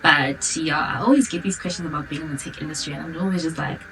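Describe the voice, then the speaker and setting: A woman's voice: sits low, quick pace, fairly bright tone, slight background noise. A 28-year-old South African woman from Durban chatting informally to her viewers in a casual question-and-answer vlog. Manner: chatty, informal, girl-talk address to viewers. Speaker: vlogger. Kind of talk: casual Q&A chat to camera. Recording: distant mic, background music.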